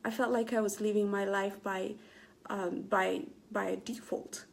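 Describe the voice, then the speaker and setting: A woman's voice: mid-range voice, level tone, a little slow, vocal fry. A middle-aged woman from Ethiopia hosting a casual live stream, talking earnestly to viewers with many fillers and restarts. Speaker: Facebook Live motivational host.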